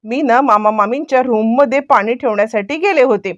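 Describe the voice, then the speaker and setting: A woman's voice: on the high side, fairly quick, no room sound, muffled recording, natural voice. A woman reading the lines of a worried, hesitant young wife in her serial retelling. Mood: anxious. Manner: hesitant, pleading.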